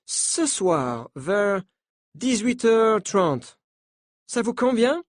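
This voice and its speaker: A man's voice: high voice, big pitch swings, drawn-out words, dry recording, studio quality, pitched above the performer's own voice, heavily acted. A man voicing a pushy middle-aged American sports coach who speaks with an American accent, insistent and controlling. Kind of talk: slow French-lesson story reading.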